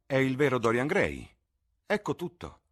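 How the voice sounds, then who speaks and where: A worldly aristocrat tosses off ironic, amused remarks, as a male reader puts him on. His pitch sits a little raised and moves with a lively range. The tone is husky and dry-witted. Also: normal speed, heavily acted. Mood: mocking. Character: mocking, worldly aristocratic gentleman.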